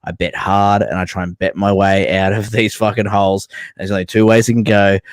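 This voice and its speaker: A man's voice: lowish voice, little pitch movement, brisk, dry recording, clean studio sound. A man hosting a casual sports podcast, talking in a blokey, slangy, sweary way. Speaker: podcast host.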